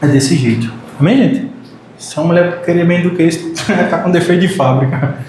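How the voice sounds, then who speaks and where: Brazilian pastor, high voice, playful preaching, heavy church-hall echo. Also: male voice, moderate pace. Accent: Brazilian Portuguese. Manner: animated, joking with the congregation, acts out short quotes. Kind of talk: sermon. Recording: very echoey church hall, faint noise.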